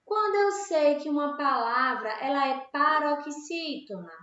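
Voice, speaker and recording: High-voiced Brazilian teacher, echoey room. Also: female voice, lively intonation, unhurried, a bit bright. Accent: Brazilian Portuguese. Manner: patient and explanatory, checks in with "certo?" and "tá?". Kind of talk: classroom grammar lesson. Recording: very echoey room, dull lo-fi sound.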